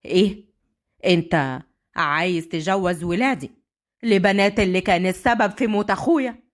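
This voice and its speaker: A woman's voice: on the low side, normal speed, pitched below the performer's own voice, lightly acted. A woman voicing a fierce old village matriarch, harsh and outraged.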